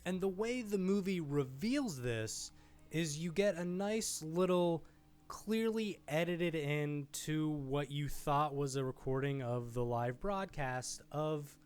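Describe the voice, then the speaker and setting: A man hosts a video essay, offering informal, enthusiastic film commentary in a conversational style over background music. His voice is fairly high-pitched, darkish and clean, and he takes it slowly.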